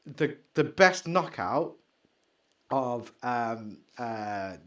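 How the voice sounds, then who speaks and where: A man co-hosting a podcast, chatting excitably and rambling, trailing off into mumbles while he searches. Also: mid-range voice, extremely slow. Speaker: podcast co-host. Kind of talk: casual chat.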